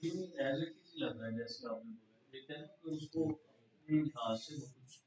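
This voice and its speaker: A man in a class slowly asks a hesitant question, recorded from a distance. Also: medium pitch, darkish tone. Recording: roomy, distant from the mic.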